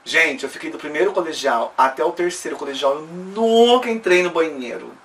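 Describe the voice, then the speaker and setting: A woman's voice: low-pitched, expressive, moderate pace, noisy background. A woman tells her life story in an interview, earnest and emotional, often checking in with tag questions. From Brazil. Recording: distant mic with faint room ambience.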